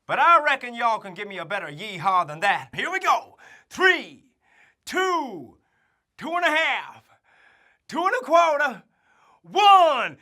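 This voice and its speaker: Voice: medium pitch, big pitch swings, slow, pauses often, full character voice. A performer voicing a goofy cowboy sheriff mascot for kids in a put-on American cowboy drawl, hammy and showy. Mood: hammy cheerful. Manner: hammy, showy, yelling catchphrases. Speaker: road-safety mascot addressing children. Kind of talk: scripted kids' safety promo.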